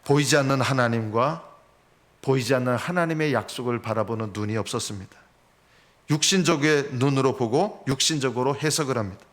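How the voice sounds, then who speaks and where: A man's voice: medium pitch, brisk, fairly bright tone. A man preaching a sermon as pastor. He asks rhetorical questions and acts out quotes. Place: church sanctuary.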